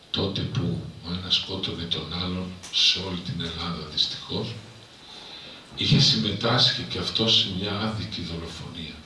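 Echoey priest speaking in a hall. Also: male voice, deep voice, bright, forceful tone. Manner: emotive storyteller, building to impassioned emphasis. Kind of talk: talk to a live audience, storytelling sermon. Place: cultural centre hall. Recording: very echoey hall from far off, faint noise.

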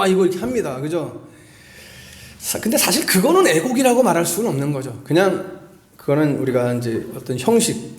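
A man with a high voice preaches to his congregation, asking them questions and hammering points home through repetition. His words ring around an echoey church hall. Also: a little mellow. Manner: asks the congregation questions and repeats phrases for emphasis. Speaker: pastor. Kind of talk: sermon.

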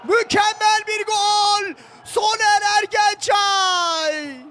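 A man giving live football play-by-play, screaming with excitement and stretching out his words as a commentator at a goal. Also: extremely high pitch, extremely slow, raised voice, noisy background.

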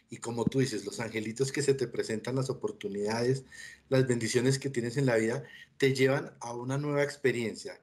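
A man's voice: mid-range voice, darkish tone, husky. A man hosting an interview, summing up his guest's story in a friendly way before asking a question. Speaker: interview host.

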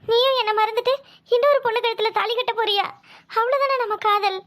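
A woman voices a young cartoon wife who pleads and argues in a high, bright, fast voice with a steady tone. Stubborn and insistent, she won't let herself be sent away.

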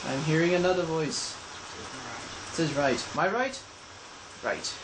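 Male gamer, fairly high voice, casual play commentary, clear background noise. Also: animated, a little slow, echoey room. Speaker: gamer recording a playthrough. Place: indoors, in front of a television. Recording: noisy room, camera filming TV.

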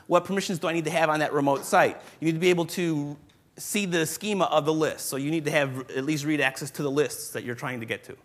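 A man presenting a live programming lecture to a room of developers, brisk and joking, thinking aloud as he demos code. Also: fairly high pitch. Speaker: conference presenter teaching developers. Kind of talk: live technical lecture with demo. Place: conference room with live audience.

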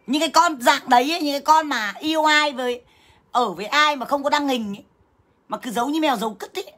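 Speaking in a high, fairly bright voice, a woman scolds and curses her livestream viewers in an angry, crude rant. She's blunt and combative, calling them sisters as she talks directly at them.

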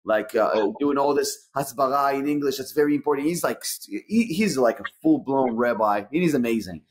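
Israeli man, 30s, storytelling comic, mid-pitched, lively quoting of others, webcam sound. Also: a little fast. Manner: animated, acts out quoted dialogue. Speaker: stand-up comedian guest. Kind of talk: casual storytelling chat. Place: indoor room, video call. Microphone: webcam on video call.

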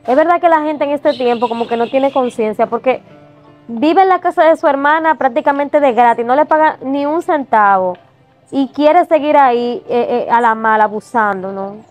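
A woman's voice: sits high, normal speed, faint music behind, close to an everyday voice. A woman playing a sympathetic friend who sighs at others' troubles and moralizes about them. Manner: sympathetic, sighing. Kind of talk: amateur drama acting.

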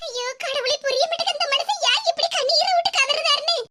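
Very high-pitched and quick, a female voice actor plays a cartoon village wife speaking with a Kanyakumari Tamil accent. The character is worried and coaxes her husband, pleading and questioning him insistently, with hiss noisy in the background.

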